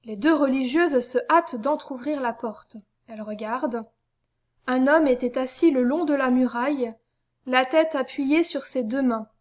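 A woman reading a story aloud in measured, solemn narration. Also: high-pitched. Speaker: reader. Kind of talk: audiobook narration.

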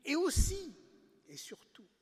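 A man's voice: very high voice, huge pitch swings, slow pace. A man who wrote a book, talking informally to an audience in a chatty way with wry asides and frequent restarts. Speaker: author presenting his book. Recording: long hall reverb.

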